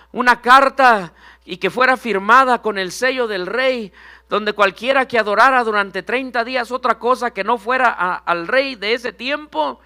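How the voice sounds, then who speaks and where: High-voiced fervent preacher. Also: male voice, bright, forceful tone, clear, resonant tone. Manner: fervent preaching, often addressing the congregation directly. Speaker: minister. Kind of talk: Pentecostal sermon. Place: church sanctuary.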